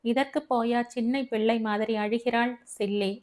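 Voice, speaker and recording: Female audiobook narrator, steady storytelling, slightly high voice. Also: unhurried. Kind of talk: scripted narration.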